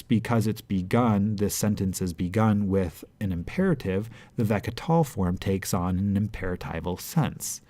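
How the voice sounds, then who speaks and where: A man teaching a grammar lesson in a patient, deliberate way, sometimes slowly chanting verses. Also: on the low side, warm tone, no room sound. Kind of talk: explanatory lecture.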